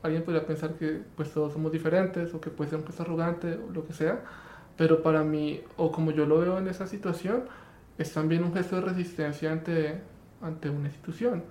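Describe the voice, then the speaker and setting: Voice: medium pitch, fairly even intonation, brisk, a little mellow. An interviewer in a casual conversation, offering thoughtful reflections between short murmurs of agreement. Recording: echoey room with faint background noise.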